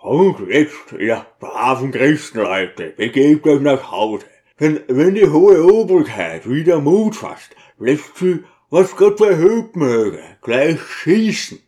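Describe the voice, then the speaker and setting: A man voicing a burly, commanding male deacon with a booming voice, shouting orders in an audiobook reading. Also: sing-song, slow pace. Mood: warning. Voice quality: booming, loud. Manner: barks orders, shouts to a crowd. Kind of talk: audiobook character voice.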